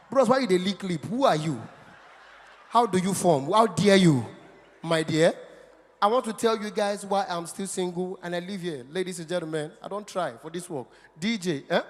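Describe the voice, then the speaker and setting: A man with a Nigerian accent doing playful stand-up comedy on stage in front of an audience, like a practised showman. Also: high voice. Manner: playful showman, mixes Pidgin into his patter. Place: on stage in a large venue. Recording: reverberant live stage with background noise.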